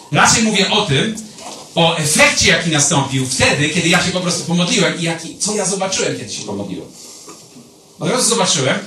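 A pastor giving a sermon, telling personal stories in a lively, conversational way and speaking straight to his listeners. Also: fairly high pitch, a little hiss or hum.

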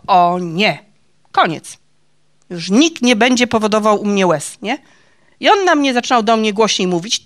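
A woman giving a personal faith testimony to a group of women, chatty and confiding, laughing at her own stories. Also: a little high. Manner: chatty and confiding, ends phrases with "nie?".

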